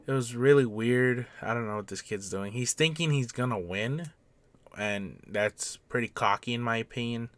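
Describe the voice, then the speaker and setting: A man giving let's-play commentary on a baseball video game, getting excited on big plays and taunting his opponent. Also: moderate pace, no echo. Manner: excitable, jumps to loud highs on big plays.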